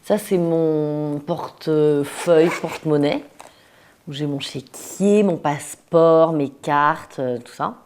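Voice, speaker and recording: Matter-of-fact low-pitched woman. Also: slow pace, a little mellow. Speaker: interviewee. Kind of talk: casual talk while emptying her handbag.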